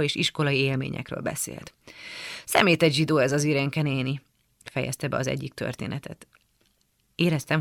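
Woman with a gravelly voice reading a memoir. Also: deep voice, fairly bright tone, dry recording, studio quality. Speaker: reader of a memoir excerpt. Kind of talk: literary reading on radio.

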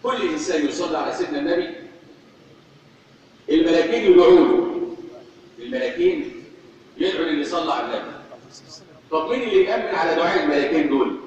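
A man with an Egyptian accent preaches a fervent sermon to his congregation, repeating phrases for emphasis in a fairly high, animated, slightly mellow voice that moves fast with frequent pauses. The sound is distant and dull in an echoey hall, with a little hiss or hum.

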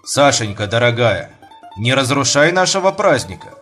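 A man's voice: mid-range voice, sing-song, moderate pace, fairly bright tone, soft background music. A man voicing a domineering host who turns cruel on his wife, speaking in a commanding, cutting way. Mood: toasting. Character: stern domineering host, father, turning cruel.

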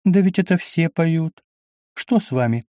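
A man voicing a lively, shy but spirited teenage village girl in an audiobook. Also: fairly high pitch, unhurried, no room sound, studio quality, pitched above the performer's own voice. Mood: concerned.

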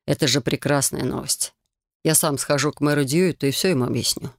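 Brief: gentle anxious dragon husband, low and quiet, read by a woman, dry close sound. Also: brisk, gravelly, dry recording. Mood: coaxing. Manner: soft, coaxing and quiet.

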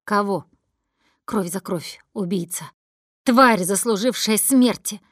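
A woman's voice: medium pitch, slow pace, fairly bright tone, dry recording, studio quality. Woman voicing a cold taunting gang leader. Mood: cold, menacing. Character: menacing young male gang leader, bitter and cold.

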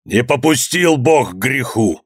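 Man doing a condemned convict, slow and declaiming, in a dry close sound. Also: mid-range voice, lively intonation, breathy edge, dry recording. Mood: quiet confession. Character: condemned male convict confessing before a crowd.

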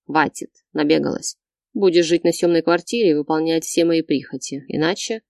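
A woman reading the part of a domineering, threatening man in an audiobook, lowering her voice and speaking curtly. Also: a little fast, a little mellow, dry recording, clean studio sound. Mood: menacing. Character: domineering controlling man, young adult, cold and threatening.

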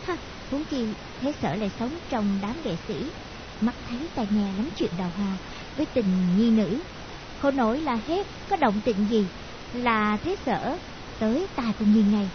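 A woman's voice: fairly high pitch, animated, moderate pace, natural voice. A woman voicing a worried young woman confiding chattily to a friend, in a hissy lo-fi audiobook recording. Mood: fretful.

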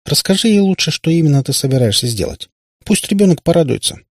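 A man's voice: fairly high pitch, very animated, fast, no echo, clean studio sound, voice pushed up. A man voicing a cheeky young witch girl with a sneering, snickering manner. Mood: mocking.

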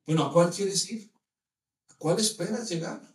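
A man preaching a sermon, lively, with many rhetorical questions to his listeners. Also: high voice, normal speed, reverberant.

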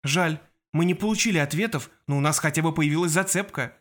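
A man voicing a calm, reassuring teen boy. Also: a little high, fairly quick, close to an everyday voice. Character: steady loyal teenage boy friend.

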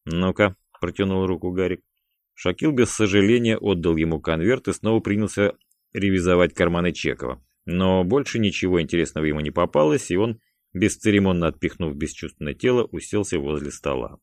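A man narrating a crime audiobook in a measured, even storytelling manner. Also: low-pitched, no echo, studio quality. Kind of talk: scripted crime fiction narration.

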